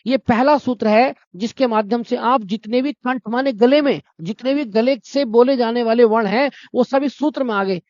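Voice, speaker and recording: Man teaching a slow exam-prep lesson. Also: very high voice, no echo. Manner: explains slowly, asks and answers his own questions; addresses students warmly as brother and friends. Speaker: Hindi teacher. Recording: dry, dull lo-fi sound.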